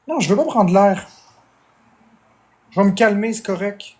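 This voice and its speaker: A man's voice: sits high, expressive, unhurried, a little mellow, echoey room. A man with a Québécois French accent, a streamer venting in a heated, swearing rant at his chat. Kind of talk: angry livestream rant.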